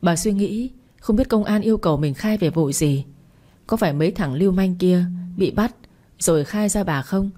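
A woman reading a story aloud in a calm, even audiobook narration. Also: fairly low pitch, normal speed.

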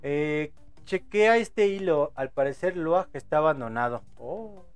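A man's voice: on the high side, expressive, unhurried, smooth, faint music behind. A man in his thirties with a Mexican accent, hosting a casual live podcast, swearing, laughing often and rambling in slang. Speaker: podcast host. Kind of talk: casual live-show chat reading audience posts.

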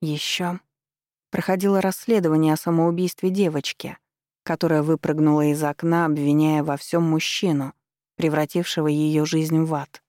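A woman narrating a novel in a measured storytelling manner. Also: low voice, little pitch movement, a little mellow, dry recording, clean studio sound. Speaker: audiobook narrator. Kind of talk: scripted narration.

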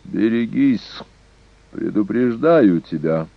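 A man voicing a proud Germanic king who speaks in a calm, dignified, measured way. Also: on the low side, creaky, no room sound, heavily acted. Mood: calm, stern. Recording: dull lo-fi recording.

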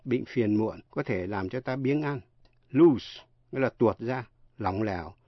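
Guy teaching english words on the radio, slow and careful, muffled dry broadcast. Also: medium pitch, no echo. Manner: slow, careful spelling out of letters. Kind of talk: radio English pronunciation lesson.

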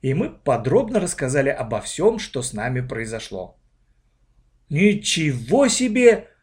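A man narrating a children's story aloud with an expressive reading. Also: medium pitch, normal speed.

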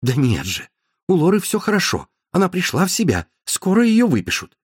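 A man's voice: high voice, huge pitch swings, moderate pace, slightly rough, dry recording, clean studio sound, voice pushed up, heavily acted. A man reading an audiobook, voicing an anxious young man who keeps repeating himself. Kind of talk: audiobook narration.

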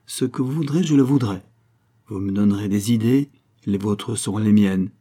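A man's voice: lowish voice, moderate pace, dark tone, husky. A man reading the part of a nervous young male count, an earnest suitor who pleads eagerly and lifts his voice as he talks.

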